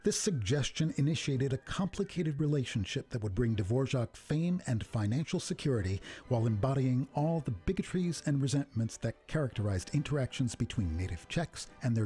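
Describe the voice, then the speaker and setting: A man giving a scripted documentary narration about a composer, in a measured, even storytelling manner. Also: mid-range voice, husky. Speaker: program narrator.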